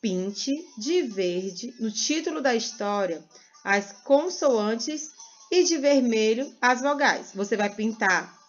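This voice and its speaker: A Brazilian woman teaching first graders in a sing-song way, stretching words slowly for small children. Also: on the high side, muffled recording. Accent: Brazilian Portuguese. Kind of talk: teaching a recorded lesson to young children.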